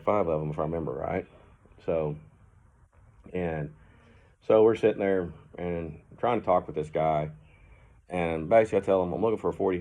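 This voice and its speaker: A man with a very low voice tells a story in a loose, casual way. He is blunt and swears freely. The sound is thin and narrow, like a phone line. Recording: tinny phone-like audio.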